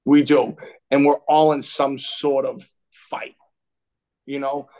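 A man's voice: mid-range voice, flat delivery, slow, a little mellow. A man with a Boston accent, a boxing trainer talking earnestly and loosely as a guest on a podcast. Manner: earnest, reflective, loose with fillers. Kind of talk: casual podcast interview.

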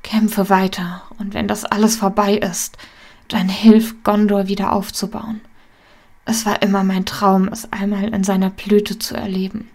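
A woman reading the lines of a dying male warrior, soft and faltering, partly whispered. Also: medium pitch, flat delivery, measured pace. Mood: weak.

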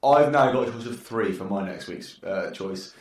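Low-voiced man in jokey chat. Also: normal speed. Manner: jokey, swears casually, talks over the other. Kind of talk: casual chat.

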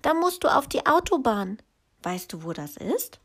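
A woman's voice: fairly high pitch, very animated, moderate pace, voice pushed up. A woman playing a bossy little girl. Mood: helpful. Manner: loud and commanding.

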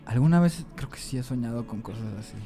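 A podcast co-host with a Mexican Spanish accent, chatting casually in slangy speech and reacting with quick interjections. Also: medium pitch, mellow, soft background music. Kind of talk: casual chat.

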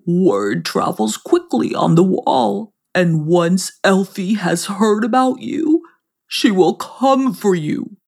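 A woman doing a calm wise creature. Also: medium pitch, slow, vocal fry, breathy edge, exaggerated voice. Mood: earnest.

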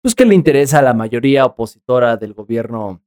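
A man's voice: mid-range voice, expressive, fast, darkish tone, smooth. A man with a Mexican accent co-hosting a comedy podcast, teasing and swearing in a mock-formal way. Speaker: podcast co-host. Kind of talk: casual crude comedy chat.

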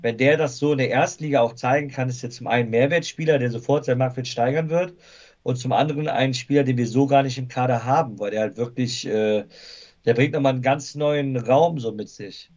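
A man's voice: medium pitch, a little fast, darkish tone, muffled recording. A man talking football casually as a guest fan, thoughtful and hesitant with frequent fillers.

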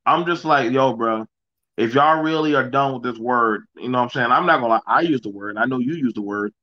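A man's voice: medium pitch, fairly quick, no echo. A man co-hosting a casual podcast chat, talking bluntly and with energy, and slipping into voices when he quotes people. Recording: dry, dull lo-fi mic.

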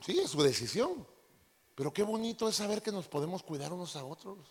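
Pastor que predica animado e interpela al público, sala de iglesia reverberante. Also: male voice, high-pitched, expressive, brisk, breathy edge. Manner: playful, addresses the congregation directly. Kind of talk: lively sermon with acted-out impressions. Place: church hall.

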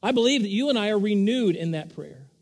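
A fast-talking pastor with lively intonation preaches an earnest sermon, rising louder and higher as he hammers repeated points. Long church-hall reverb surrounds the recording.

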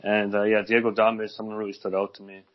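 A man co-hosting a casual football podcast, speaking in a measured way. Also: lowish voice, level tone, dull audio. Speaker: podcast co-host. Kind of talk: casual chat.

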